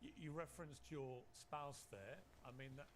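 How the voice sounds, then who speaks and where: A man's voice: mid-range voice, normal speed, background noise. A man interviewing a guest, asking probing, rambling questions in a sympathetic tone. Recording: interview clip with music underneath.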